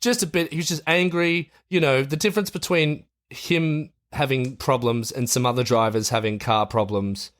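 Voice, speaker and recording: A man co-hosting a casual podcast discussion who gives blunt, opinionated takes and swears freely. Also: medium pitch. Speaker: podcast co-host.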